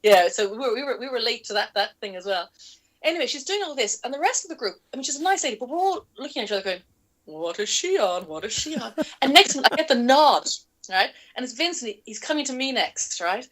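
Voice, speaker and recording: A woman from Ireland with an Irish accent talks quickly in a fairly high voice. She is a guest in a casual interview, spinning anecdotes with a lot of laughter. Her delivery stays animated and chatty throughout. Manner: animated, laughs often while telling stories.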